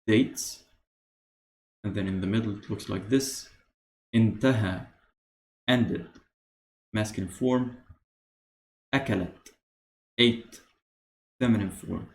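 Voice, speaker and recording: A man teaching beginner Arabic, explaining patiently with pauses and many "uh"s. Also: on the low side, darkish tone, a little hiss or hum. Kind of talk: beginner language lesson.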